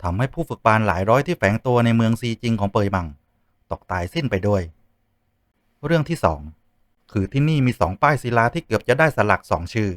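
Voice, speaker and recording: A man voicing a calm, composed male official with a deep, measured voice. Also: no room sound, clean studio sound, natural voice. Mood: solemn.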